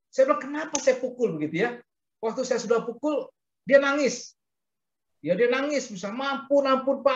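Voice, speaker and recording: A middle-aged man, teaching the Bible in sermon style, often turning to his listeners and acting out quoted speech. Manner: addresses listeners as "saudara", frequent "begitu ya" tags; animated, acts out quoted speech with rising pitch. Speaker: pastor teaching a Bible reading class. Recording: roomy, dull lo-fi sound.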